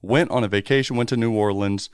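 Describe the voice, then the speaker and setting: Give me an animated, joking man co-hosting a podcast, recorded close and dry. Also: fast, clear, resonant tone, dry recording. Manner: animated, joking, bursts into loud high exclamations. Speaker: podcast co-host. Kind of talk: casual chat.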